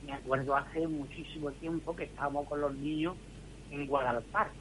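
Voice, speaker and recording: An older retired teacher calling in to a radio show, talking in a halting, ironic way. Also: male voice, on the high side, fairly even intonation, fairly bright tone, a little hiss or hum. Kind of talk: casual chat. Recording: muffled phone line.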